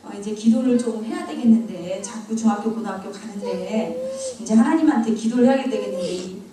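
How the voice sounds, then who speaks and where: A woman's voice: medium pitch, fairly quick, crowd noise. A middle-aged woman, a church deaconess, giving her testimony with humor, mocking herself and laughing often. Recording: very echoey hall, mic far off.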